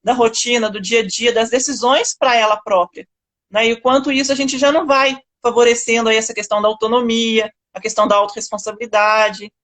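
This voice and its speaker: A woman with a Brazilian Portuguese accent hosting a live stream as a kid coach, speaking calmly and reflectively, often ending with tag questions. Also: a little high, fairly quick. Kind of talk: casual live-stream talk.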